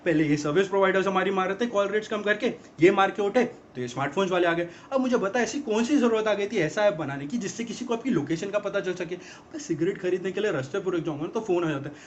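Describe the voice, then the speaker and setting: An actor playing an exasperated young man in a rapid-fire, mocking film comedy monologue about girlfriends. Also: sits high, a little hiss or hum, lightly acted. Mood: ranting. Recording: dull lo-fi film audio.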